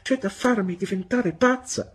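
A woman reader voicing a fretful, capricious young mother with a shrill, pleading voice, in an audiobook. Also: a little slow, husky. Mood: shrill hysterics.

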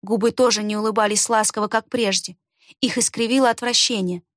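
Woman reading a fantasy audiobook, high voice, dry close sound. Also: steady tone, brisk, a bit bright, no room sound. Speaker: narrator. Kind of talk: audiobook narration.

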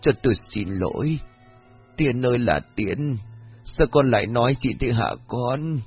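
A man's voice: medium pitch, lively intonation, a little slow, husky, pitched above the performer's own voice. A man voicing a frail, bedridden old mother who speaks in a faint, whispery plea. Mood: weak pleading. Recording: dull lo-fi audio with faint music.

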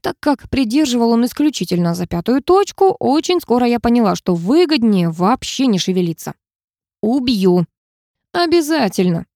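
Expressive woman narrating an audiobook. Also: fairly high pitch, a little fast, hardly any pauses, no room sound, studio quality. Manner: lively, expressive storytelling. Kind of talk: first-person audiobook narration.

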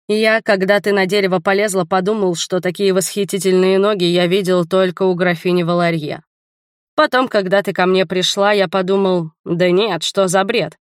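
A woman's voice: fairly even intonation, no echo, clean studio sound, close to an everyday voice. Teasing young spy, as a woman reads him. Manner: unhurried, low-key teasing. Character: young male spy, drowsy, teasing, laid-back.

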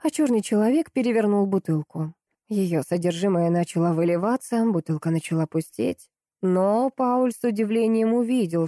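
Reading an audiobook, a woman with a mid-range voice tells the story in a measured yet expressive way. The sound is clean studio audio, recorded dry.

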